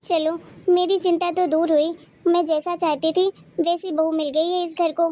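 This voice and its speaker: A woman voicing a kindly, devout grandmother in a cartoon story, speaking gently and with care. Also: very high-pitched, level tone, moderate pace. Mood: gentle. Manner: gentle, caring. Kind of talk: cartoon voice acting.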